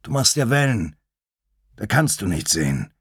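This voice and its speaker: A man's voice: fairly low pitch, sing-song, normal speed, a bit bright, breathy edge, dry recording, clean studio sound, heavily acted. A man voicing a stern, commanding mountain lion king who growls his orders.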